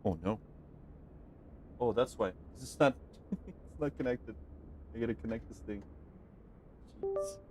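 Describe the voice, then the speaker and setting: A man's voice: mid-range voice, unhurried, pauses often, noisy background. Chatty upbeat male flight-sim streamer. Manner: chatty, upbeat, rambling with fillers and self-talk. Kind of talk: casual livestream commentary.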